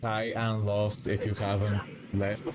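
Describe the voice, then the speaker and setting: A man chats casually on a live game stream, drifting from thought to thought with a hesitant, rambling delivery. His voice sits a bit low and moves slowly. A clear air conditioner hum runs beneath him. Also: completely flat delivery. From Bulgaria. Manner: hesitant and rambling, reading chat aloud. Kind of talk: casual live-stream chat while gaming.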